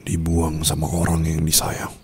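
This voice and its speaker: A male actor with an Indonesian accent plays a calm, teasing, tender mafia boss in an intimate ASMR roleplay, speaking softly and slowly with pauses. His voice is very deep and creaky, with a slight hiss or hum. The mood is confiding and somber.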